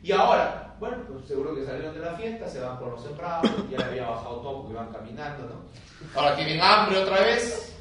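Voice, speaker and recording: A man, a friar, teaching a theology class, reading scripture aloud and explaining it in a lively, conversational way while he questions his students. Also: a little high, fast talker, crowd noise. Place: lecture room. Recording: very echoey room, far from mic, faint hiss.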